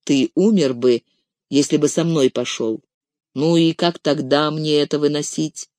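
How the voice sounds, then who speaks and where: Brief: a weary, determined male hobbit, calm and quietly firm, as the narrator voices him. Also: a little slow, dry recording, clean studio sound, close to an everyday voice. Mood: resigned. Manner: low, calm, gently stern. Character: weary, resolute male hobbit on a grim quest. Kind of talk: audiobook character reading.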